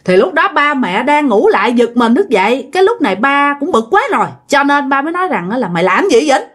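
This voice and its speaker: A woman tells a ghost story and speaks directly to her listeners. Her voice sits on the high side and stays lively. She keeps talking straight to the audience throughout. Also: brisk. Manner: animated, addresses listeners directly.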